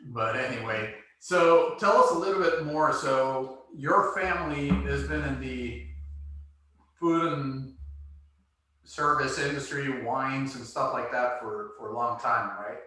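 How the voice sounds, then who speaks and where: A man's voice: medium pitch, slow pace, pushed and bright. A male podcast host chatting in a laid-back, self-deprecating way and laughing easily. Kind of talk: casual chat. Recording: very echoey room, far from the mic, faint noise.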